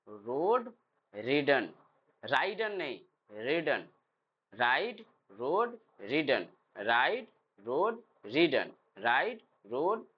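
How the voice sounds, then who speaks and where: A man teaching English verbs, who drills the word forms aloud and asks his class questions. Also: on the high side. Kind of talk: classroom lesson. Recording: dull lo-fi sound.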